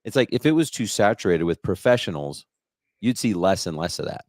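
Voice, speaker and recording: A man's voice: deep voice, animated, brisk, a little mellow, dry recording, clean studio sound. A middle-aged man with a confident, explanatory manner, talking about his business in a casual interview. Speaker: lighting business coach.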